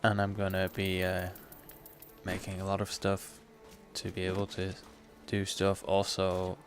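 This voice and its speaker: Guy doing a casual let's play, lowish voice, bit of music behind. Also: completely flat delivery, a little slow. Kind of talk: casual game commentary.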